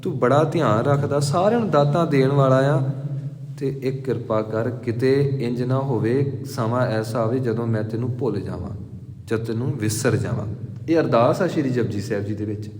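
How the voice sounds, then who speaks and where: A man giving a Sikh scripture sermon, explaining each verse slowly and repeating lines for emphasis. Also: medium pitch, a little mellow. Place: gurdwara hall. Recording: echoey hall reverb.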